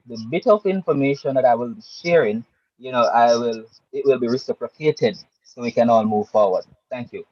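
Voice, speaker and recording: A man speaks formally and wordily as a panelist, in a mid-pitched voice. The call audio is dry and somewhat dull. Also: a little mellow, husky, no room sound. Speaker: panelist, guidance counselor. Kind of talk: formal panel self-introduction.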